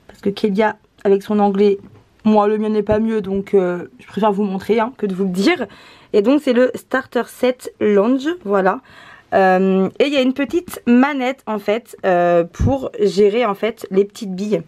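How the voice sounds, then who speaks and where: A woman hosts a relaxed family unboxing video, presenting board games and toys. She talks easily with frequent hesitations and little laughs, at a medium, ordinary pitch. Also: measured pace. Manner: relaxed, many hesitation fillers, laughs often. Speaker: vlog host, mother presenting gifts. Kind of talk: casual unboxing chat.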